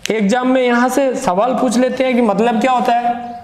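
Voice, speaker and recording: A man teaching Hindi grammar for exam preparation, slowly and emphatically, repeating key terms. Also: very high voice, fairly even intonation. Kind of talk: exam-prep grammar lesson. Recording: echoey room with long reverb.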